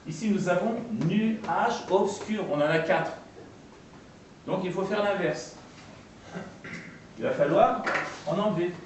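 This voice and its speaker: Speaking from some distance in a very echoey hall, a man with a high-sitting voice lectures an audience on poetry and translation. He is patient, pausing often and repeating and spelling out each term. A faint room hum runs underneath.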